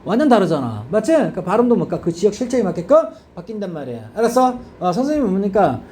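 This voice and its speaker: A man's voice: high-pitched, very animated, quick pace, mellow, a little hiss or hum. A man teaching an English grammar lesson, constantly checking in with students by asking if they understand. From South Korea. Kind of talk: classroom grammar lecture.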